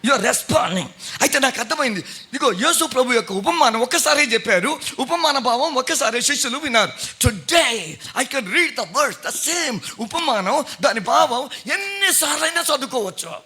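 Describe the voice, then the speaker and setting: Preaching in a very high, sharp-toned voice, a middle-aged pastor who heads a Bible college keeps an animated, moderate pace. He speaks conversationally during the sermon, putting questions to his congregation.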